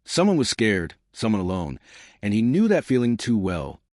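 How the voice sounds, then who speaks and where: Deep, lively male story narrator. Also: normal speed, no room sound, clean studio sound. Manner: dramatic, emotive storytelling.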